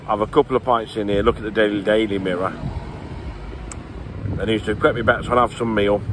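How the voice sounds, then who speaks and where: A man's voice: fairly low pitch, steady tone, a little fast, fairly bright tone. A man vlogging on a phone outdoors, chatting and chanting the same phrase in a sing-song way. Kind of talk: casual vlog. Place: outdoors on city streets. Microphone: phone held at arm's length. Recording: phone recording with street noise.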